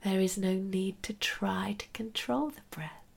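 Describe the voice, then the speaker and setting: Female meditation guide, intimate hushed delivery close to the ear, slow and calming, gravelly fry in the voice. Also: medium pitch. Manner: slow, gentle, soothing.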